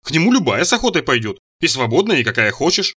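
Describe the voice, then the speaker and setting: A man's voice: on the high side, big pitch swings, quick pace, pushed and bright, breathy edge, heavily acted. A man doing a timid, dim-witted servant. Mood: puzzled. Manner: simple, hesitant, fearful speech. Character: dim, timid male servant, easily frightened. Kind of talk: audiobook character voice.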